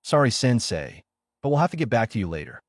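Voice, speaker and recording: A man's voice: medium pitch, sing-song, quick pace, dry recording, clean studio sound. A man reading the lines of a brash teenage boy ninja, taunting and threatening in a storybook reading. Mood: hurried.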